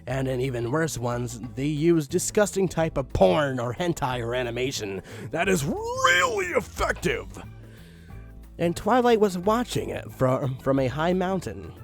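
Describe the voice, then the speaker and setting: Over soft background music, a man reads a poorly written fan story aloud, sighing in exasperation and breaking into mock-dramatic outbursts. His voice is a little high with wildly swooping pitch, and his pace is measured.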